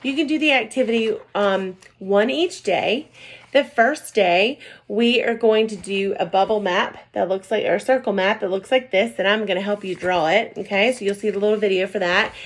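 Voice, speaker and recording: A woman teacher reading a picture book aloud to young children, gentle and sing-song, often checking in with "right?". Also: mid-range voice, moderate pace.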